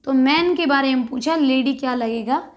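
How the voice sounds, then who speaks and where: A woman's voice: high voice, normal speed. A woman teacher explaining a lesson, who asks her class questions and answers them herself and repeats the key words.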